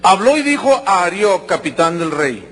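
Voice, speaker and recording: Male preacher, high-pitched and very animated, acts out voices mid-sermon. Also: moderate pace, a little hiss or hum. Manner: animated, acts out quotes and jokes with the congregation.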